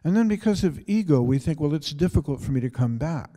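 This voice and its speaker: An older man giving a calm spiritual lecture in short phrases, pausing for an interpreter. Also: fairly high pitch. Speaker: visiting lecturer. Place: festival lecture hall. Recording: long hall reverb.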